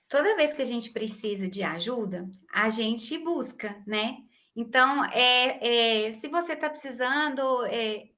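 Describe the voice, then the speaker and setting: Bright high-voiced woman telling a story. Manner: animated storyteller, acts out family dialogue. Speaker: host. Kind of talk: casual podcast conversation.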